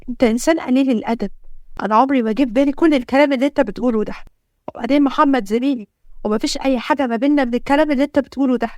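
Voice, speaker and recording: A woman voicing a tearful, defiant young female university student with an Egyptian accent and a pleading, high-strung manner. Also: rapid-fire, darkish tone, no echo, clean studio sound, lightly acted. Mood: upset. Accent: Egyptian Arabic.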